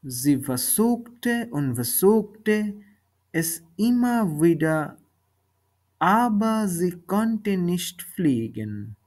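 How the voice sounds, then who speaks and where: A woman reading a children's story slowly, speaking each line and then its translation. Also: on the low side, sing-song, a little mellow. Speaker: narrator of a bilingual story. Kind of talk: slow storybook reading in German and English.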